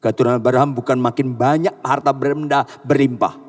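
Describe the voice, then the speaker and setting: A male pastor preaching a sermon, emphatic and rising to shouts on quoted lines, calling on the congregation to answer and clap. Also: mid-range voice, fairly even intonation, brisk. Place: church.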